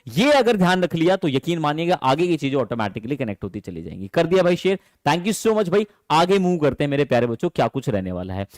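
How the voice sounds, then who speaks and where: A man teaching an online English class in Hindi, animated and affectionate, calling his students dear children. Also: fairly high pitch, fast talker, few pauses, dry recording, studio quality. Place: teaching from home.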